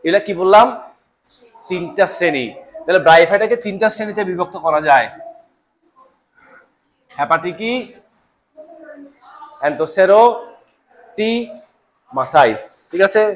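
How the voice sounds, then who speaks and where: A man's voice: high-pitched, moderate pace, pauses often, fairly bright tone, slight background noise. A young man teaching a biology class to students in a classroom. He repeats each term and keeps checking that they follow. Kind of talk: live classroom lecture.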